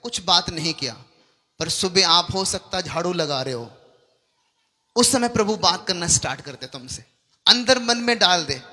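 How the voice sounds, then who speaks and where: A male pastor with a high, very bright, forceful voice. He preaches with emphasis and keeps checking whether his listeners follow him. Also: animated, moderate pace. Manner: emphatic, repeatedly asks the congregation if they understand. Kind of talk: sermon.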